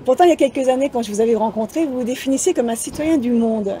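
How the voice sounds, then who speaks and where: Mellow-voiced woman interviewer. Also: a little high, fast, slight background noise. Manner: attentive, frequent affirming responses. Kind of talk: interview conversation.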